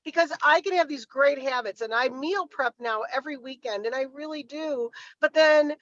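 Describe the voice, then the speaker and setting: महिला, कार के स्पीकरफ़ोन से बोलती हुई. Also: female voice, high voice, normal speed, fairly bright tone, no room sound, dull audio. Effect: car speakerphone on a video call. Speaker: group member. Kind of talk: casual group chat. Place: in a car while driving.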